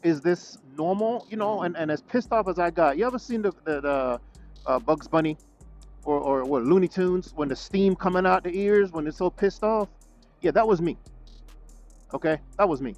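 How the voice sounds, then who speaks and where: A man's voice: sits high, moderate pace, darkish tone, faint music behind. A man venting in a vlog, indignant, repeating himself and stuttering as he rants about being shut out. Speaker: vlogger. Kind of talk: frustrated talking-head vlog rant.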